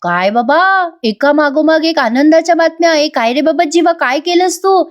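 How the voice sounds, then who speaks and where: A woman voices an affectionate aunt from a TV serial. She fusses over the family in a slightly high, warm-hearted way. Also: animated, moderate pace. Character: fond middle-aged aunt in a family serial.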